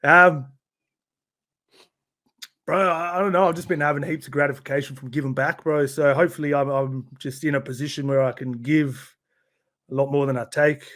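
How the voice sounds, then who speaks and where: A man's voice: fairly high pitch, steady tone, moderate pace, pauses often, a bit bright. A man with a broad New Zealand accent talking as a podcast guest in casual, slangy chat, often tagging phrases with "bro". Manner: laid-back, slangy, ends phrases with "bro".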